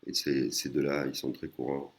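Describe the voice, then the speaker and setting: Very deep gravelly man teaching. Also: level tone, normal speed. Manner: hesitant, many fillers and restarts; explains patiently, often adds 'hein'. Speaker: language teacher. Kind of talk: casual screen-recorded lesson.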